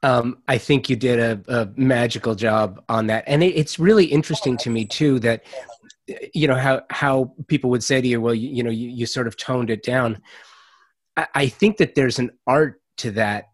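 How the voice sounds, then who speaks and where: A man's voice: mid-range voice, moderate pace, dry recording. A man hosting a podcast interview over a video call, often repeating words as he restarts his sentences. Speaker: podcast host. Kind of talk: casual interview.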